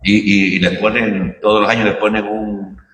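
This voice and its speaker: A man's voice: on the low side, flat delivery, normal speed, fairly bright tone, echoey room, recorded from a distance, a little hiss or hum. A man preaching a sermon in a conversational way, often asking his listeners "right?" and "you understand?". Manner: conversational preaching, many rhetorical tag questions. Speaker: pastor.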